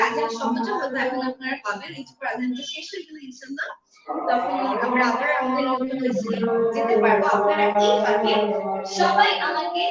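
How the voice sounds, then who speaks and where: High-voiced woman teaching, echoey distant mic. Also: highs cut off. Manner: switches between Bengali and slow deliberate English. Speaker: online English teacher. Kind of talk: live-streamed language lesson. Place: room at home.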